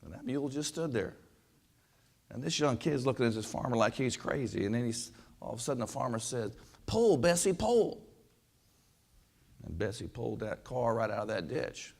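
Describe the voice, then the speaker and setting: A man's voice: medium pitch, a little fast, gravelly. Folksy man telling a story to a crowd. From western Kansas, USA. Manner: rambling, repeats words, many fillers. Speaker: basketball coach giving a keynote speech. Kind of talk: folksy storytelling speech to an audience.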